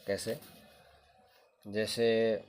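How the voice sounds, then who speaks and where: A man with a fairly low voice leads a classroom-style grammar lesson. He explains patiently, repeats key terms over and over, and keeps checking that the listener follows. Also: flat delivery, darkish tone, clear, resonant tone. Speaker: Arabic grammar teacher.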